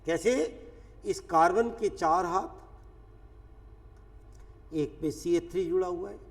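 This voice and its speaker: A man's voice: sits high, slow pace. A man teaching chemistry in a lecture, explaining step by step with everyday examples. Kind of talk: classroom lecture. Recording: echoey classroom, voice from a distance.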